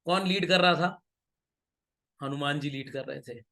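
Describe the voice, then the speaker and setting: A middle-aged man gives an online business studies lesson in a high voice. His tone is bright and sharp. He mixes Hindi and English and keeps playfully scolding students and asking if they follow. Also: unhurried. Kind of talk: online class lecture.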